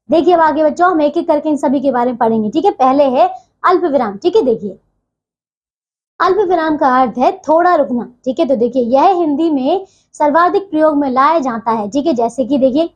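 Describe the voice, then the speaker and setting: Young female teacher, high voice, patient, keeps checking kids follow, classroom explainer. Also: a little mellow, lo-fi sound. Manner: patient, repeats "theek hai bachchon" constantly. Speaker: school Hindi teacher. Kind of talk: online grammar lesson for children.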